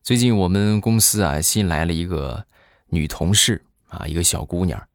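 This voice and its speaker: A man's voice: sits low, normal speed, dry recording, studio quality, faint music behind. A man telling comic stories in a chatty style, drawing out his punchlines. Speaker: joke teller. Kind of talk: comic storytelling.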